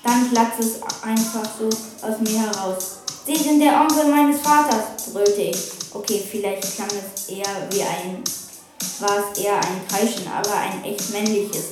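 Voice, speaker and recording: A woman presenting a book and then reading a chapter aloud in a steady manner. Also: medium pitch, unhurried. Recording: echoey room from a distance, music behind.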